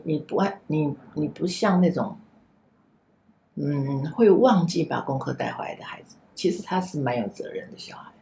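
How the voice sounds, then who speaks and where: A woman, an after-school center director, telling a story gently and vividly in a casual podcast chat. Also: sits low, gravelly, slight background noise. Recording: echoey room.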